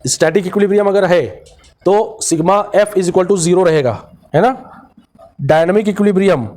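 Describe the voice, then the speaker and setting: A man with a raised, high pitch teaches physics to a class in Hindi with a Marathi-influenced accent. He drops English technical terms into his sentences. He keeps asking the students questions and then gives the answers himself. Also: moderate pace, darkish tone. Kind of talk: classroom lecture.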